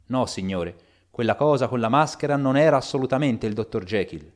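A man's voice: mid-range voice, expressive, a little fast, natural voice. A man voicing an elderly, frightened and loyal male butler in a spoken audiobook, with an urgent, pleading delivery.

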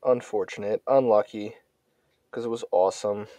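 A young adult man hosts a podcast, chatting casually with friends in plenty of slang. His voice is lowish, steady and mellow, at a normal speed, and the recording is dry.

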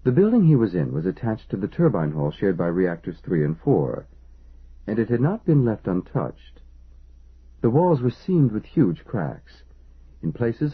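A man reading an audiobook as narrator, in measured, lively storytelling. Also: lowish voice, breathy edge. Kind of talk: scripted narration. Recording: tinny phone-like band.

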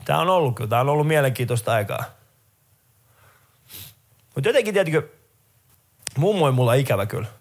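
A middle-aged comedian with a Finnish accent delivers a stand-up set, animatedly telling stories and popping into high voices for characters. His voice is slightly rough, and he pauses often.

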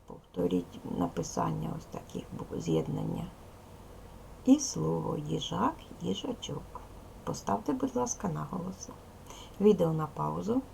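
A woman primary school teacher gives a recorded lesson to small children, her voice deeply gravelly and creaky. She moves slowly and lively through the material, her pitch bouncing a lot, with a faint noise underneath. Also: low-quality recording. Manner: slow, careful, addressing children directly.

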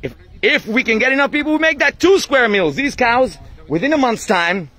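A man, talking earnestly and haltingly in a casual livestream, outdoors into a phone at arm's length. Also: very high-pitched, expressive, pushed and bright. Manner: earnest, halting, repeats phrases. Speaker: vlogger appealing for cow shelter donations. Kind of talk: casual livestream talk to camera. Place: outdoors in a cow shelter yard.

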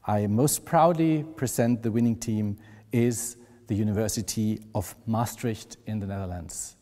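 A middle-aged German-accented man reads out award winners with measured, ceremonial pride. His voice is dark and mellow, and a long reverb hangs behind it in the room. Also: fairly low pitch. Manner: measured, proud ceremonial delivery. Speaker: award presenter. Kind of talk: formal speech to camera. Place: wood-panelled room, indoors.

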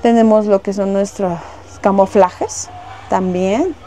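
A Mexican saleswoman in a shop walks through the goods one by one, giving wholesale prices. She talks casually and is fond of diminutives. Her voice is mellow and warm, at an ordinary pitch for a woman. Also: fairly even intonation, takes it slowly, slight background noise. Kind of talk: casual product showcase. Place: shop indoors.

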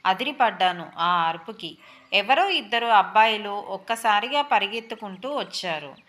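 A woman storyteller narrating a first-person story in an expressive, dramatic way. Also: mid-range voice, moderate pace.

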